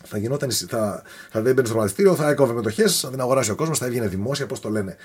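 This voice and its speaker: A man telling a story in a casual podcast chat, animated and often tripping over foreign names. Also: medium pitch, husky.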